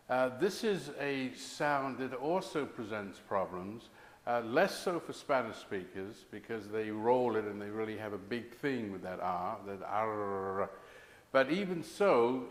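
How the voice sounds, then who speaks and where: A male ESL teacher takes learners through a pronunciation drill, carefully enunciating words and repeating them slowly. His voice sits at a middle pitch. The room is echoey, with a long reverb that trails after each word. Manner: slow, deliberate enunciation with drawn-out example words. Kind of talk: pronunciation lesson.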